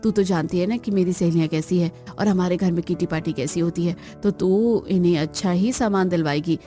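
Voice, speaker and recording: A woman's voice: fairly low pitch, a little fast, warm tone, faint music behind, close to an everyday voice. A woman voicing a strict but caring middle-aged mother-in-law in a cartoon, speaking in a firm, commanding, motherly way. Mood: pleased. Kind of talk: Hindi cartoon voice acting.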